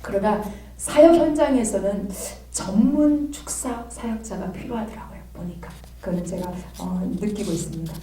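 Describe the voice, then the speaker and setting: A woman's voice: medium pitch, normal speed, few pauses, dark tone, a little hiss or hum. Woman lecturing in a roomy hall. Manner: chatty, conversational, checks in with listeners. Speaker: theology lecturer. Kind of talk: classroom lecture. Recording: roomy, from a distance.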